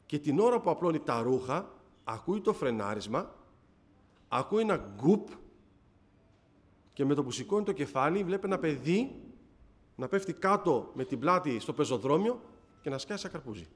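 A man giving a personal religious testimony to a congregation, telling it dramatically, rising loud then dropping to a hush. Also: fairly high pitch, sing-song, long pauses. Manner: dramatic storytelling, swings between raised and hushed voice.

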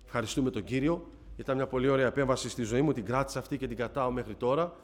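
Man dramatically telling his testimony. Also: mid-range voice. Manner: dramatic storytelling, swings between raised and hushed voice. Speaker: speaker giving a religious testimony. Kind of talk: personal testimony to a congregation.

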